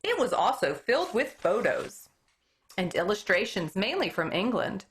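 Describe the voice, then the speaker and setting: A woman teacher reads a children's book aloud with lots of expression, at medium pitch and a normal speed. Every so often she trips over a word and fixes it.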